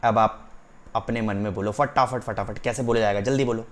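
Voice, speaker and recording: A man teaching a physics class, dictating slowly, repeating key terms and checking that students follow. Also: lowish voice, steady tone. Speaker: physics tutor. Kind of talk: online class lecture.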